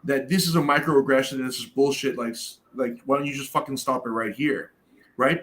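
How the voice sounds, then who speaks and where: A middle-aged Canadian man tells stories bluntly in a casual roundtable discussion, swearing plenty and using many fillers. His voice is medium in pitch. The audio is poor, with slight background noise.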